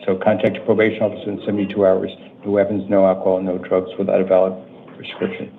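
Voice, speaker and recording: A man presides as judge, delivering routine hearing details in a businesslike, matter-of-fact manner with halting pauses. His voice sits fairly low and barely varies in pitch. The courtroom audio is muffled, with faint noise behind him. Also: completely flat delivery, vocal fry. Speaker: judge presiding over initial appearance hearings. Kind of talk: procedural court announcements read to defendants.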